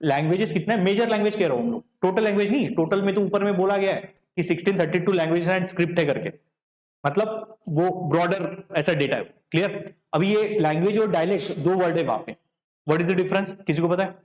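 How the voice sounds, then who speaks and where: Lecturer, male, high voice, classroom lecture full of "correct?" check-ins, echoey room. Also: fairly quick, darkish tone. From Vidarbha, Maharashtra. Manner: checks in with the class often, asking "correct?" and "clear?". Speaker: teacher. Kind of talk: classroom lecture in Hindi mixed with English.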